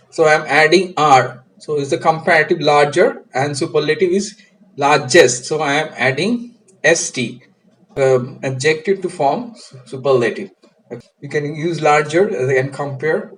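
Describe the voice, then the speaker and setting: A man's voice: on the high side, rough recording. A man teaching an English grammar lesson, explaining patiently and checking in with "right?" as he goes. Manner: patient, repeats "right?" and "crystal clear".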